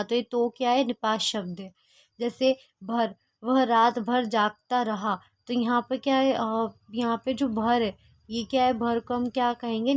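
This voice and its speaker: A woman's voice: a little high, dry recording. Woman tutor explaining grammar. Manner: explanatory, with filler sounds and restarts; asks and answers her own questions. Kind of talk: grammar lesson.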